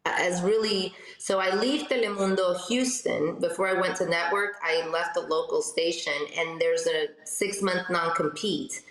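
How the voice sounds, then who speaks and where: A woman in her thirties from South America, a radio host chatting in an interview, animated and full of restarts. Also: fairly low pitch, measured pace, few pauses. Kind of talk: casual interview chat. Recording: echoey room.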